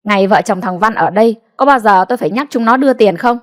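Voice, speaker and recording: A woman voicing a bitter, sharp-tongued old mother-in-law who scolds and snaps at her family. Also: mid-range voice, fairly quick, lightly acted. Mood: scolding. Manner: scolding, snapping, grudging.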